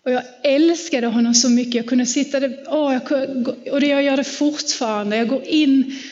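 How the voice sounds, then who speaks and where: A woman with a high voice delivers a sermon in a church, sharing personal stories in an easy conversational tone. The sound is a little muffled and rings with a long hall echo. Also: steady tone. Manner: warm personal storytelling, conversational. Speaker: preacher.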